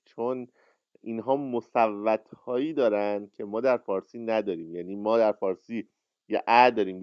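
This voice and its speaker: A man's voice: on the low side, smooth, dry recording, lo-fi sound. A man hosting a literary workshop, speaking in a rambling, hesitant way with many fillers over an online audio call. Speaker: workshop host. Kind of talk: casual lecture on a live audio chat.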